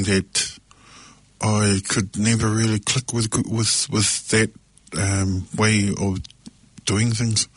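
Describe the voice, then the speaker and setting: A man, sharing personally and reflectively at a meeting, with halting, unscripted phrasing. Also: deep voice, no room sound. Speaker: speaker sharing at a recovery meeting.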